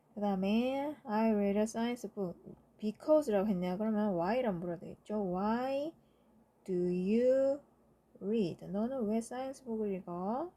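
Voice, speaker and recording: A woman teaching an English grammar lesson at a very slow, deliberate pace. Her voice is mellow and warm, not bright. She keeps checking in with short tag questions as she works through each answer. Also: mid-range voice. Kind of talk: lecture explaining grammar answers.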